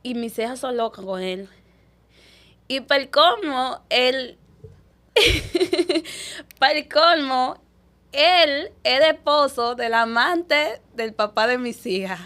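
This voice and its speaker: A young woman, telling her life story as an interview guest, quick and animated, acting out the people she quotes. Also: sits high. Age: young adult. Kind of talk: emotional personal storytelling.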